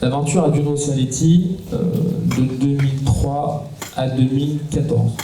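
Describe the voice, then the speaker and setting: In a round-table conversation at a conference hall, a man in his forties from southern France, cofounder of a startup, talks through his company with frequent hesitant fillers. He has a dark, mid-range voice with fairly even intonation and normal speed, and faint music plays behind him. The recording is echoey, with a distant mic and faint noise.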